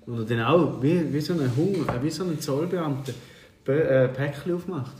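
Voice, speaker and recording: A man's voice: fairly high pitch, moderate pace, background noise. Swiss german guy chatting, trails off looking for words, room echo. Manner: rambling, searching for words. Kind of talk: casual chat.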